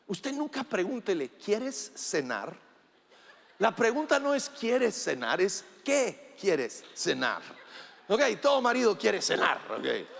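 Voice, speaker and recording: A man preaching a sermon as pastor, speaking straight to the congregation, with playful teasing asides and swings from loud to hushed. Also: high-pitched. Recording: long hall reverb.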